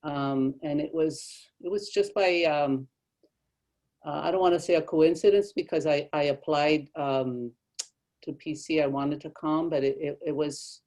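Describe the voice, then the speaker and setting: Middle-aged arts director from Mexico, warm, halting roundtable speaker. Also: female voice, low-pitched. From born in Mexico, raised in Texas. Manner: warm, halting, with many restarts. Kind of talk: roundtable discussion.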